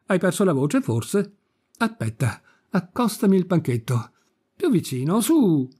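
Man doing a bossy old countess, scolding, raised husky voice, storybook reading. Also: fairly high pitch, very animated, normal speed. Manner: peevish, scolding and commanding. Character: capricious, imperious old countess, a woman. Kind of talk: audiobook reading of a classic story.

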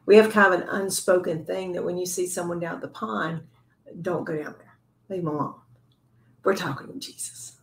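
A woman's voice: fairly low pitch, steady tone, normal speed, vocal fry. Earnest woman teaching scripture, roomy echo. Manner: earnest, conversational, drops to soft whispers. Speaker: women's Bible teacher. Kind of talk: devotional teaching.

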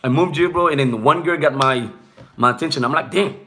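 There's a little hiss or hum behind this young man's slightly high, sharp voice as he talks a little fast. English isn't his first language; from a small room, he chats loosely with live-stream viewers, rambling and peppering his speech with "bro" and "you know what I'm saying."

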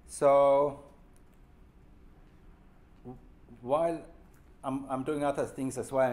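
A man's voice: lowish voice, a little mellow, a little hiss or hum. A man with a German accent gives an unscripted workshop update as program leader, restarting phrases and using plain informal wording. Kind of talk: workshop presentation. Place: workshop room.

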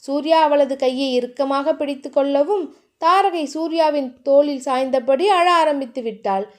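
A woman narrating a family romance novel with steady, expressive storytelling. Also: high-pitched, moderate pace. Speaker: audiobook narrator.

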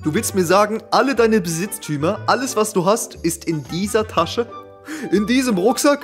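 A young man's high-pitched voice delivers casual video commentary. He is exclamatory and incredulous, joking along in loose slang. Light music plays behind him. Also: lively intonation, normal speed. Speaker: reaction video host.

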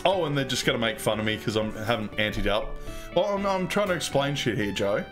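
A man's voice: mid-range voice, expressive, a little fast, music in the background. A man casually commenting on an old computer game he plays, swearing and rambling. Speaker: let's play host.

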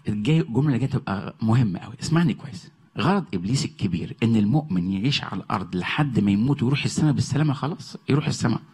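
A man's voice: medium pitch, breathy edge. A man with an Egyptian accent, a pastor preaching a sermon in a church, calling out questions to the congregation and rising to impassioned peaks. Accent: Egyptian Arabic. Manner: call-and-response, rising to impassioned shouting. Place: church hall.

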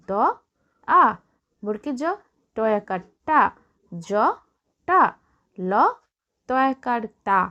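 Woman teacher from Bengal, higher voice, slow drawn-out spelling drills for kids, dull lo-fi sound. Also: a bit bright. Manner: slow, drawn-out letter-by-letter spelling with encouraging asides. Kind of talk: children's spelling lesson.

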